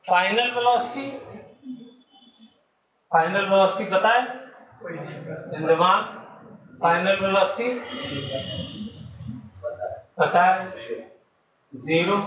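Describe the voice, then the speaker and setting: A male physics teacher speaks slowly in a high, fairly bright voice, leaving long pauses as he takes the class through problems one step at a time and draws answers from his students. The classroom audio is dull and echoey, with slight background noise.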